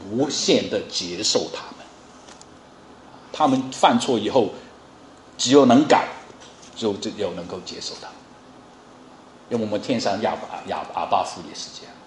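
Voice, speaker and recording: A man's voice: on the low side, normal speed, pauses often, echoey room, slight background noise. A man preaching a sermon in a conversational way, with fillers and frequent rhetorical questions. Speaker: pastor.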